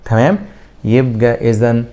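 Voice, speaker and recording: A man with an Egyptian Arabic accent teaching a French pronunciation lesson, drawing out example words slowly and answering his own questions. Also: medium pitch, fairly even intonation, dark tone. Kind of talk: classroom lesson.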